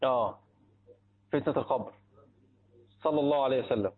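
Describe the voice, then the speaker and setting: A man's voice: medium pitch, a little fast. A man with an Egyptian accent gives a religious lesson on a hadith text, often posing a question and answering it himself. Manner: asks rhetorical questions and answers them himself. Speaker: Islamic teacher explaining a hadith text. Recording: tinny phone-like recording.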